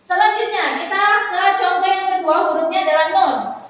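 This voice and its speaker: A woman teaching Quran recitation, explaining rules patiently and chanting each example slowly several times. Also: extremely high pitch, a bit bright. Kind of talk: classroom lesson on recitation rules. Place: room in a foundation office, marking a board. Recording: echoey hall, voice far from mic.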